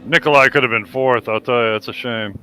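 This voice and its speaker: A man co-commentating a sim race, reacting quickly and excitedly to the action. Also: medium pitch, smooth.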